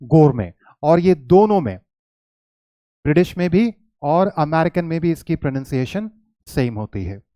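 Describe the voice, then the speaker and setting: A man's voice: on the high side, animated, warm tone, no echo. Indian man teaching English pronunciation. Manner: patient, repeats words slowly to model pronunciation; mixes Hindi with English words and phrases. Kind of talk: classroom lesson explanation.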